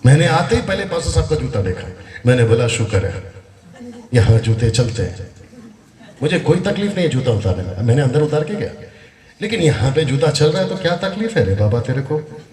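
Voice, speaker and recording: A man's voice: fairly high pitch, very animated, fast, darkish tone, distant mic. A man leading a Bible study sermon, joking and drawing the audience into call-and-response. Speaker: preacher. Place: convention hall. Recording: echoey hall picked up from afar.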